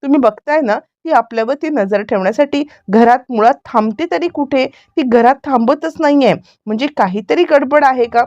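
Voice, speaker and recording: A woman's voice: high voice, normal speed, hardly any pauses, a little mellow, no room sound, muffled recording, voice pushed up, natural voice. A woman reading the lines of a suspicious young wife thinking aloud.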